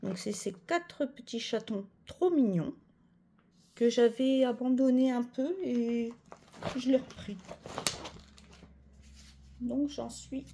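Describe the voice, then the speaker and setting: A woman's voice: fairly high pitch, warm tone, a little hiss or hum. A woman chatting casually as a cross-stitch vlogger, rambling with many fillers and self-corrections. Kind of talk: casual chat.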